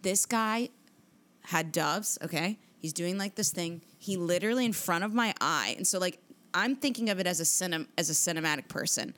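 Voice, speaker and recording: Animated woman telling a story. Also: on the low side, normal speed. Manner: animated storytelling, swearing, acting out quotes. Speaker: podcast co-host. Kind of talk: casual chat.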